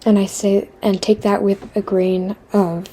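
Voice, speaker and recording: A woman vlogger telling a casual, meandering storytime while she draws, full of fillers and self-interruptions, with wry deadpan asides. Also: mid-range voice, a little slow, a little hiss or hum.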